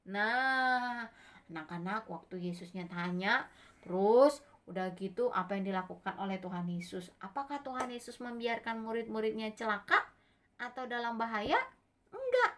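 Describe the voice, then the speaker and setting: A woman Sunday school teacher telling a Bible story to children, animated, asking them questions and slipping into whispers. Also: fairly high pitch, normal speed.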